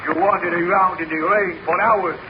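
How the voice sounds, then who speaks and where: An actor playing a stern, blunt village burgomaster, in 1930s radio drama style. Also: male voice, sits high, steady tone, normal speed, natural voice. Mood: hectoring. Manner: blunt, accusatory, formal. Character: stern, accusing village burgomaster questioning a suspect. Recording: noisy, dull 1930s radio recording.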